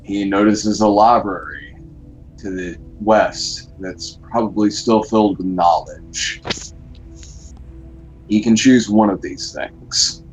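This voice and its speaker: A young man narrating a tabletop game as game master, slow and deliberate, excitable when joking with friends. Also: lowish voice, soft background music, rough recording.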